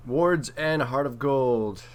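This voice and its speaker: Taking his time, a man with a mid-range voice delivers casual, wry commentary as a gaming video player, sprinkling in mild swears and trash talk. The audio is a clearly noisy home recording.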